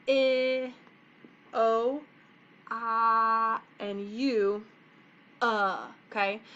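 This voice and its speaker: A woman's voice: fairly high pitch, slight background noise. A young woman teaching kindergartners phonics, patiently sounding out letters and short vowels one by one. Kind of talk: phonics lesson for young children. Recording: dull lo-fi home recording.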